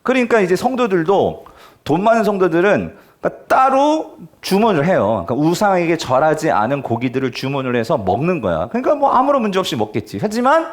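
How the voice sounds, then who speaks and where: Guy pastor preaching, chatty, fairly high voice, pitch all over the place, keeps asking the church questions. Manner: conversational preaching with frequent rhetorical questions to the congregation. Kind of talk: sermon.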